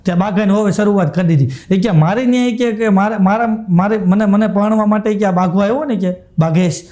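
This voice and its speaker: Performing for a live audience, this male stand-up comic speaks with a Kathiyawadi Gujarati accent, laughing through his punchlines and coming back to his catchphrases. His voice is high and dark in tone, and he talks a little fast.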